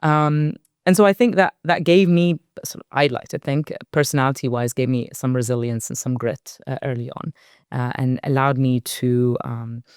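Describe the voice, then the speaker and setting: Here a female board director from Iraq, in her forties, reflects as an interview guest, her speech measured and thoughtful and dotted with soft fillers. She has a bass voice with a clean tone, and the dry recording has clean studio sound.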